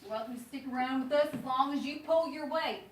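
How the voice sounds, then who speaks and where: A woman's voice: sits high, fast talker, natural voice. An actress playing a scrappy male street food vendor who talks in a folksy dialect, in a stage play. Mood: streetwise. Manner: folksy dialect, gruff and bargaining. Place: theater stage. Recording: echoey, distant, noisy stage recording.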